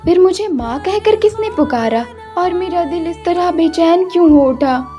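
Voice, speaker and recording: Lady playing a soft worried cartoon mom, motherly and soothing, mellow tone. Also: very high voice, lively intonation, normal speed, faint music behind. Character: loving middle-aged mother, gentle and worried.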